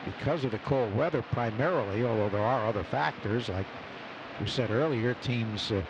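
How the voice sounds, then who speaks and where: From an open broadcast booth at an outdoor ballpark, a man with a mid-range voice gives live radio play-by-play of a baseball game at a moderate pace. The high frequencies are cut off, and loud stadium ambience fills the noisy outdoor broadcast.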